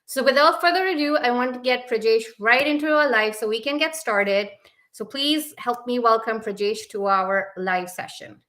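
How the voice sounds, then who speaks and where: A woman's voice: on the high side, lively intonation, normal speed, fairly bright tone. A young woman hosting a live interview show over a video call, friendly and repeating words for emphasis. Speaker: podcast host.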